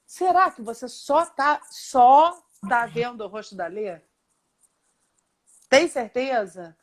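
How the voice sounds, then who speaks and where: A woman's voice: a little high, animated, slow. A woman with a Brazilian Portuguese accent, a Gestalt therapist who explains at length and with emphasis in a live online discussion over a video call.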